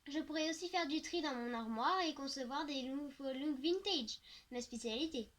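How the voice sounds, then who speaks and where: A woman's voice: sits high, moderate pace, fairly bright tone. A woman reading a teen novel aloud in the first person, wistful and reflective. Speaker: audiobook narrator.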